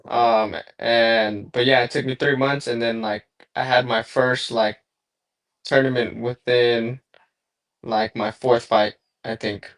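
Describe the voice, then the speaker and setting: A man's voice: mid-range voice, fairly even intonation, takes it slowly, a bit bright. Laid-back young man, rambling answers. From Southern California. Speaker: boxer guest. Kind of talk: casual interview.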